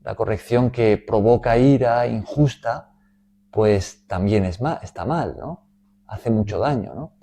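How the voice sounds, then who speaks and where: A man teaching a Bible study in a measured way, often checking in with "¿no?". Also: medium pitch, mellow, a little hiss or hum. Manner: measured, frequent "¿no?" tags.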